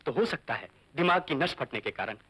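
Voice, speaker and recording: An actor playing a grave doctor who gives serious news in a measured way, in 1970s Hindi film style. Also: male voice, medium pitch, lively intonation, bright, forceful tone, breathy edge, rough recording.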